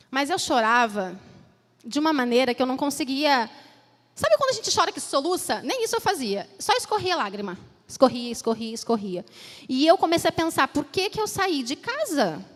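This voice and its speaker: A woman in her thirties with a Bahian Brazilian accent, giving an emotional sermon testimony and voicing her own thoughts. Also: high voice. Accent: Brazilian Portuguese, Bahian. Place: church or college hall. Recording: long hall reverb.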